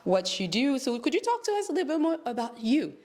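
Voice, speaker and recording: A woman's voice: high voice, big pitch swings, fast, a little mellow. A woman hosting a casual interview in a home, friendly and enthusiastic, asking questions and paying compliments. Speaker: interviewer host. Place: a client's home.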